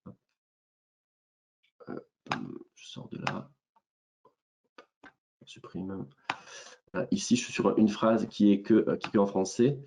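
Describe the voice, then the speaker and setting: A man with a southern French accent presenting a software demo in a webinar, talking hesitantly with many fillers and restarts. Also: on the low side, fairly even intonation, a little slow, vocal fry, long pauses, noisy background.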